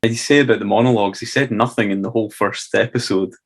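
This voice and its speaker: A man's voice: fairly low pitch, fairly even intonation, fast talker, husky. A Scottish man co-hosting a music podcast, talking in an easygoing way and hedging with "sort of" and "kind of". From Scotland. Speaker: podcast co-host. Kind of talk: casual chat.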